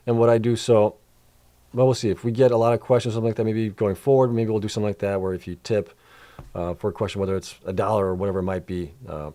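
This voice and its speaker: A man's voice: on the low side, mellow. A middle-aged man hosting a casual livestream, reading out and answering chat questions in a loose, rambling way full of fillers, his voice wearing out late in the night. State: voice getting worn out.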